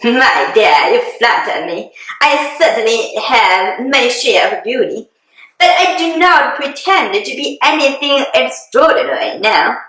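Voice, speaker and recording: A woman playing a fussy, excitable, self-pitying middle-aged wife and mother in a hammy, theatrical dramatic reading. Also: a little high, unhurried. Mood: insistent, fussy. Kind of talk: dramatic reading of a classic novel. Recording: very echoey room.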